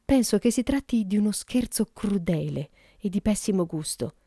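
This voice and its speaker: Brisk reassuring doctor, mellow and dry, read by a woman. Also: mid-range voice, lively intonation, breathy edge, no echo.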